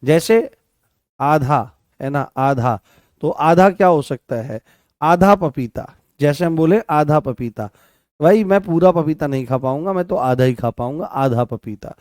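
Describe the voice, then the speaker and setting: A man's voice: a little high, lively intonation, a little slow, darkish tone, dry recording, studio quality. A man teaching a Hindi grammar class, repeating phrases, correcting himself and asking questions he then answers. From Rajasthan. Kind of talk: online exam-prep class.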